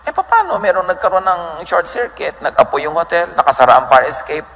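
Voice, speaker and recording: A man's voice: high voice, expressive, brisk, a bit bright. A middle-aged Filipino man preaching a sermon, switching between Tagalog and English and quoting scripture with big dramatic swings. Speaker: pastor. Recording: long hall reverb with faint noise.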